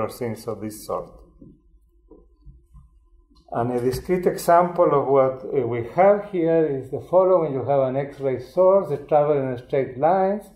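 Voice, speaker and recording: A man's voice: medium pitch, darkish tone. Older man lecturing in a roomy hall. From Chile. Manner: unhurried, explanatory, frequent restarts. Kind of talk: public lecture.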